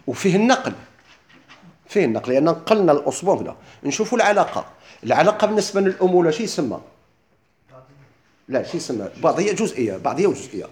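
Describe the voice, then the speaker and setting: A man's voice: on the high side, very animated, very fast, pauses often, a little mellow. A man with a Moroccan accent teaching a lesson on classical rhetoric, asking questions and answering them himself.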